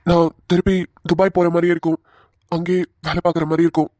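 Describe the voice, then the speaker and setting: A woman's voice: on the low side, little pitch movement, fast talker, dry recording, clean studio sound, close to an everyday voice. A woman voicing a tender young husband who soothes his worried wife in a cartoon. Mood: soothing. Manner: gentle, pleading, calls her fondly.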